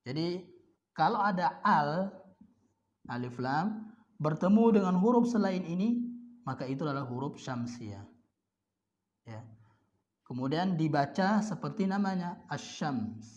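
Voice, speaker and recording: Indonesian man teaching Arabic, slow and repetitive. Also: fairly high pitch, darkish tone, muffled recording. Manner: slow, drawn-out example words, repeats points with "ya" and "nah". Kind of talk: recorded grammar lesson.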